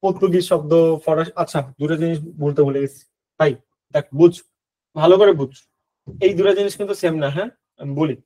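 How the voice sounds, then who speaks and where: A young man teaching an admission-prep lesson, quizzing students in a lively way and mixing in English words. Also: a little high, fast, pauses often. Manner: lively, questioning students, switching between tumi and apni, mixing in English words. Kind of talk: recorded online lesson.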